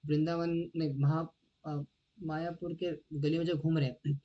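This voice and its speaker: A man giving a devotional lecture in a conversational way, often checking whether his listeners follow and often clearing his throat. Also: a little high, flat delivery, unhurried, dull audio. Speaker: devotional teacher.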